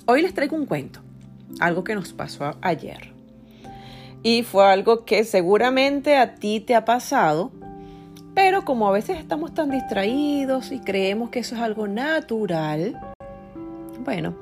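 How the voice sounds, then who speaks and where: A woman's voice: on the high side, sing-song, a little slow, soft background music. A woman podcast host, telling a story in a chatty, confiding way and speaking straight to her listeners. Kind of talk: casual storytelling.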